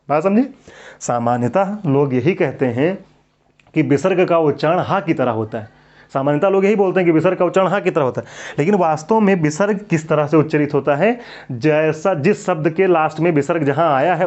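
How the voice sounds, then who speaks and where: A man's voice: on the high side, darkish tone. Man drilling grammar in a lo-fi lecture. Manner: drills students with repeated questions and answers. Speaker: Hindi grammar teacher. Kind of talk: exam-prep lecture. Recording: dull lo-fi recording.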